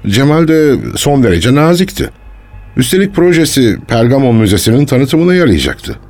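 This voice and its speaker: An actor playing a defensive male archaeologist under police questioning, guarded and quick to take offence, in a radio drama. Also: medium pitch, big pitch swings, darkish tone, soft background music. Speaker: suspect being questioned.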